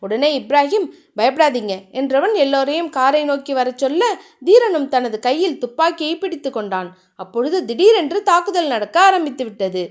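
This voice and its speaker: A young adult woman narrating a novel aloud in a steady, dramatic reading. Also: high voice, fairly quick. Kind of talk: storybook narration.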